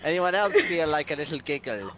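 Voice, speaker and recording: Animated, sweary gamer guy. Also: a little high, brisk. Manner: exclamatory, sweary, bantering. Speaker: player in an online squad game. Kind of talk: casual game chat. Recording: noisy game audio and clicks.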